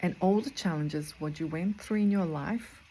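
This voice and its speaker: A Croatian woman in her forties, a spiritual coach and medical intuitive, gives an earnest motivational talk in a Croatian accent, repeating phrases for emphasis. Her voice is fairly low and warm at a normal speed, on a low-quality recording with noticeable background noise.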